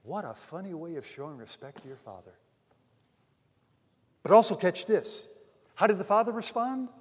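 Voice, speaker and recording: High-voiced preacher in a reverberant hall. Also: male voice, very animated, moderate pace, breathy edge. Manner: dramatic swings between loud emphasis and near-hushed asides; addresses listeners as dear friends. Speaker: pastor. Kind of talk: sermon.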